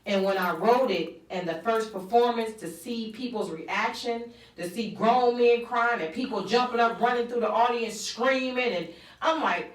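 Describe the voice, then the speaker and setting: A woman guest in an interview, telling her story in animated fashion and acting out quotes. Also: a little high, normal speed, far from the mic. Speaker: guest author. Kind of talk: conversational interview. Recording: roomy, from off-mic.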